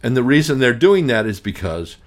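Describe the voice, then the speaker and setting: A man's voice: mid-range voice, very animated, a little fast. Blunt, grumpy middle-aged male radio host. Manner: emphatic, ranting, hammering repetition; frequent restarts, blunt and grumpy. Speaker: estate planning attorney. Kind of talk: radio talk monologue.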